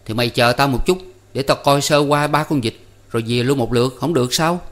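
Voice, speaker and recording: A man voicing a gruff young village man who grumbles bluntly, with a Southern Vietnamese accent. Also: medium pitch, a little fast, voice pushed up, lightly acted. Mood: bargaining.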